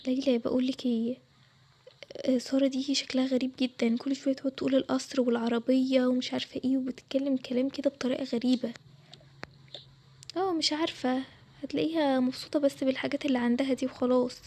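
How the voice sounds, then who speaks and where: A woman's voice: high voice, flat delivery, dark tone, husky. A woman with an Egyptian Arabic accent narrating and voicing schoolgirl friends in a role-play drama voice-over. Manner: chatty and quick, switching between several girls' voices.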